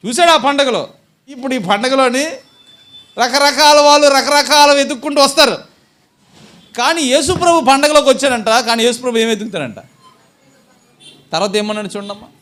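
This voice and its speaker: A man's voice: very high voice, normal speed, pauses often, a bit bright. A man preaching a church sermon as pastor, firing rhetorical questions at the congregation and answering them himself, and acting out examples with a listener. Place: church service.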